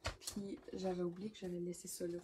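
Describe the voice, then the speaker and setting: A woman with a Québécois accent demonstrates card making at her craft desk, chatting and thinking aloud as she works and sometimes dropping to a soft murmur. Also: fairly low pitch, level tone, moderate pace. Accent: Québécois French. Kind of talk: casual crafting tutorial. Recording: noisy with crafting clicks.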